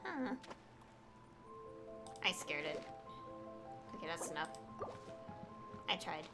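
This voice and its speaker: Speaking slowly in a low but very animated voice, a woman streams a game and offers casual, rambling commentary. She thinks aloud as she plays, with video game music in the background.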